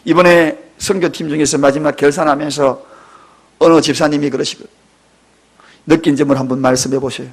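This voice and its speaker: A man in his fifties, a pastor preaching a sermon in a church, dramatic and emotional, with sudden loud outbursts and tearful cries. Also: a little high, fairly even intonation, a little fast, long pauses. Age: 50s. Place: church sanctuary.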